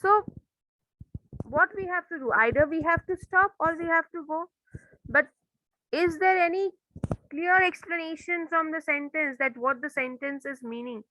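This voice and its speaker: An Indian woman teacher explaining a language lesson, moving between slow, careful English and rapid Hindi. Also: high-pitched, pushed and bright, dry recording, rough recording. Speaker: school teacher.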